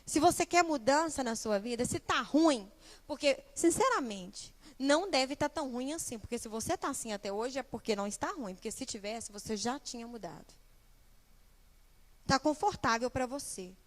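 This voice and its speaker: Young female preacher, high-pitched, lively delivery with questions to the congregation. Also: moderate pace. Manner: animated, speaks directly to the congregation with rhetorical questions. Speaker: guest preacher and small-group leader. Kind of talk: sermon. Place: church.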